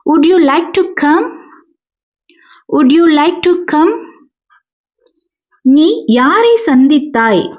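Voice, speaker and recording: A woman teaching English, reading each sentence and repeating it slowly and with careful enunciation. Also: high voice, a little mellow. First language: Tamil. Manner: slow, deliberate, clearly enunciated repetition. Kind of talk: language lesson, sentences read and repeated. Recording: dull lo-fi recording.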